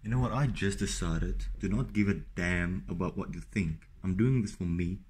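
A man's voice: low-pitched, moderate pace, darkish tone, slight background noise. Young man vlogging, joking and griping. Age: young adult. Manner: joking, swearing, complaining. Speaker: fitness vlogger. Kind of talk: casual vlog chat to camera. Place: home and indoor gym.

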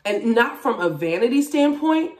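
Talking to a camera a few feet away in a small room at home, a woman of about forty, known as a vlogger and TV and radio personality, shares her personal journey. Her slightly high voice moves at a normal speed, candid, expressive and emphatic. The distant mic picks up a roomy echo.

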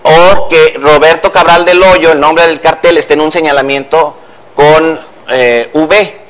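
A man's voice: on the high side, steady tone, measured pace, fairly bright tone. A man from Mexico, a language commentator on a TV news show, patiently explaining spelling rules step by step in a studio.

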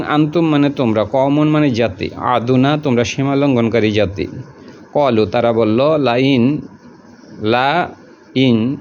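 A man at a middle pitch teaches a word-by-word translation lesson, going over each word and its meaning again and again. His delivery is patient and colloquial. The recording sounds a little muffled and lo-fi, with a faint hiss behind him. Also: a little mellow.

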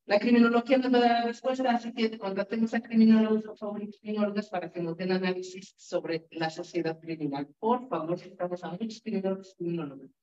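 A Mexican woman leads a legal workshop in a loose, conversational lecture. She drifts into stories and checks in with her listeners through quick tag questions. Her mid-pitched voice comes through a dull, lo-fi recording. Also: darkish tone. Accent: Mexican Spanish. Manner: chatty, tags questions with "¿no?", digresses into stories. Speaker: workshop instructor and lawyer. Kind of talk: informal lecture with anecdotes.

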